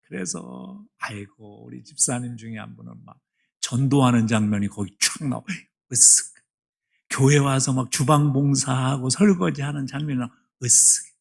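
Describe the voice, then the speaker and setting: A middle-aged man preaching a sermon as pastor in a church, emphatic, swinging between hushed asides and loud appeals. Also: mid-range voice, moderate pace, creaky, slightly rough. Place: church sanctuary.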